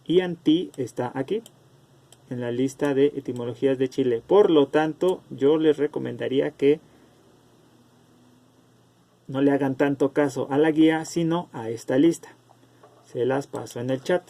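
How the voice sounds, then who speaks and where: Male teacher for an online lesson, gravelly and dark-toned, slow delivery, calls on students by name over a video call. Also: a little high. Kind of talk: online class lecture.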